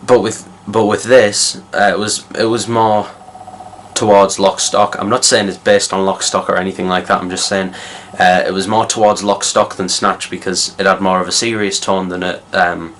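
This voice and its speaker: A young man with a low, deep voice reviews a film in loose, casual talk. He rambles, circling back with plenty of fillers and false starts. A faint hiss sits under his voice. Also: level tone, moderate pace, fairly bright tone. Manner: rambling, many fillers and restarts. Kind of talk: casual spoken movie review.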